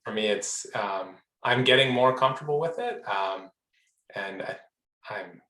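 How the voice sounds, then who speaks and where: A man's voice: mid-range voice, a little slow, bright, forceful tone, roomy sound, poor audio. A man taking part in an online workshop discussion, speaking reflectively and hesitantly with frequent ums, over a video call. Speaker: program participant.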